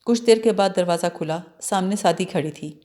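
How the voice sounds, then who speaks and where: A woman's voice: on the low side, dark tone. A woman reading a novel aloud as an audiobook narrator, telling the story expressively and voicing the characters' lines.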